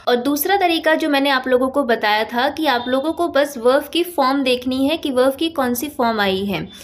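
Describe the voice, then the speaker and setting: High-voiced woman teaching English grammar. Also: normal speed. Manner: patient, repeats points, stresses helping verbs. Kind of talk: explanatory lesson.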